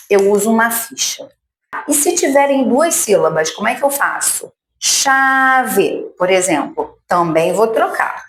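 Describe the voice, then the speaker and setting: A Brazilian woman speaks slowly and patiently, stretching each syllable as she demonstrates at a table. She keeps checking in with her viewers. Her voice sits in an echoey room with a faint hiss underneath. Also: mid-range voice. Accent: Brazilian Portuguese. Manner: slow and patient, syllables drawn out, frequent check-ins with the viewer. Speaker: speech therapist teaching parents and teachers. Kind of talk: slow, deliberate instructional demonstration.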